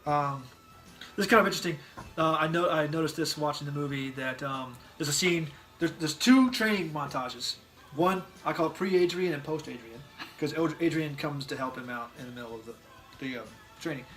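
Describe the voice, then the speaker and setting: An animated man talking through a casual movie review with his co-host. His voice sits a little high, and he rambles with restarts and bursts into loud acted yells. Faint music plays underneath. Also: moderate pace. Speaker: podcast co-host.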